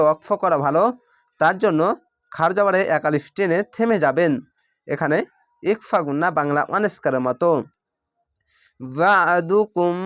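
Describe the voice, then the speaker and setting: A Quran reading teacher with a high-pitched male voice and a Bangladeshi Bengali accent gives a patient recitation lesson. He draws sounds out slowly and goes over the rules again and again. The recording is dry and close, with no room sound or echo.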